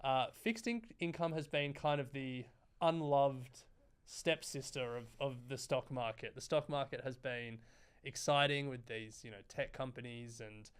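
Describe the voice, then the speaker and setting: A man's voice: mid-range voice, a little slow, clean tone. An Australian man co-hosting a podcast, talking in a loose, chatty way with plenty of fillers. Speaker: podcast co-host. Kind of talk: casual podcast chat.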